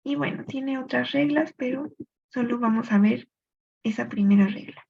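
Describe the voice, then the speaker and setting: A woman teaching a recorded literature lesson, explaining step by step and pausing to think aloud for examples. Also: a little high. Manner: clear explanatory pace with thinking-aloud pauses. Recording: dull lo-fi recording.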